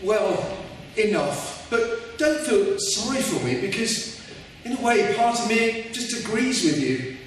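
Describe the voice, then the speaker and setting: Guy playing a meek henpecked panto husband, kinda high voice, faltering, far away in a hall. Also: big pitch swings, slow, full character voice. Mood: wistful, resigned. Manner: hesitant, faltering. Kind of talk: amateur stage pantomime acting. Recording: echoey hall from far off, faint noise.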